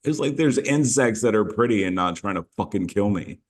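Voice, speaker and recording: Wry, teasing man with a lowish voice. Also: animated, brisk. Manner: teasing, wry, swears casually. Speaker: podcast co-host. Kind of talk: casual profane chat. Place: outdoors.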